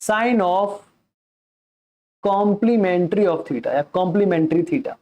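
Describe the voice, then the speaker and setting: Male math tutor, unhurried lecture delivery with a warm tone that drops English terms into his Hindi. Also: high voice. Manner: keeps asking the class questions and answers them himself. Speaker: math teacher.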